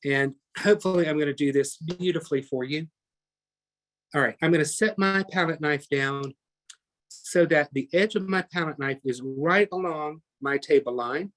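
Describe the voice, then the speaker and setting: A man's voice: a little high, normal speed, a bit bright. A man teaching a live online painting class, chatty and talking through each step as he works, often correcting himself mid-sentence. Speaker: painting instructor.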